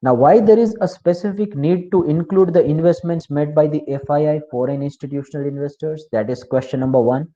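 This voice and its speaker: A man's voice: on the high side, a little fast, few pauses, dark tone. Indian man lecturing over a dull line. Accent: Indian English. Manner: explanatory, repeats key terms, asks the class questions. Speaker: tax law lecturer. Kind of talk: online class lecture. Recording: slightly dull, lo-fi.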